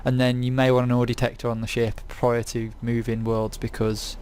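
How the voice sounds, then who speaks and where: A man's voice: medium pitch, level tone, moderate pace, darkish tone, slight background noise. A young British man hosting casual gameplay commentary, rambling and breaking into silly songs. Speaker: gaming video host.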